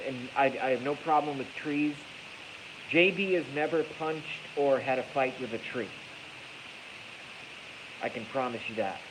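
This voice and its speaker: This male streamer sounds mid-pitched and stuffy-nosed, delivering a blunt, off-the-cuff, rambling monologue laced with profanity and phrases repeated for emphasis. He's in an echoey garage at night, and his iPhone, which he shifts closer mid-stream, picks up hissy, noisy sound.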